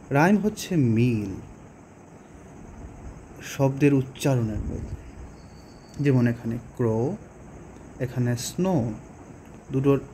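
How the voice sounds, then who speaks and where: Bengali-accented male teacher, unhurried delivery, soft mellow tone, faint background hiss. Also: mid-range voice. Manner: explains slowly, with hesitations and rhetorical questions. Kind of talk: poetry lesson explanation.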